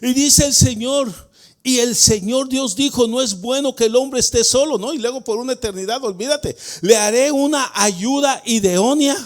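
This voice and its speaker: A man preaching as pastor of a church, putting questions to the congregation and swinging between quiet explanation and shouted emphasis. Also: very high voice, moderate pace. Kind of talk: Spanish-language sermon. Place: church sanctuary.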